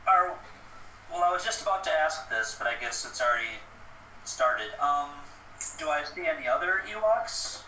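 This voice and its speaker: A man playing a tabletop game, asking measured questions about the plan. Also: a little high, lively intonation, pushed and bright, roomy sound, recorded from a distance, a little hiss or hum, rough recording. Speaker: player.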